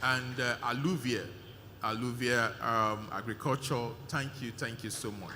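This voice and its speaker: At a live event in a large conference hall, a man acting as conference organizer delivers an emphatic, repetitive vote of thanks packed with fillers. His mid-range voice keeps a fairly even intonation and a measured pace against a noisy background. The recording carries hall reverb and faint ambience.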